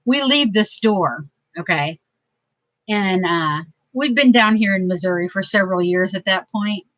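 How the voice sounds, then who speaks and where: Crafting on camera, a middle-aged Detroit woman spins humorous family tales, laughing, chatting and mocking herself. She speaks at medium pitch and a measured pace, a bit bright, with no room sound.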